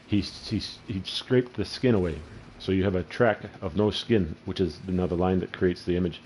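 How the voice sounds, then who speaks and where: Man, very low voice, crude rambling gameplay commentator. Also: normal speed, darkish tone, slight background noise, low-quality recording. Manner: crude, profane, rambling storyteller. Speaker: gaming channel host.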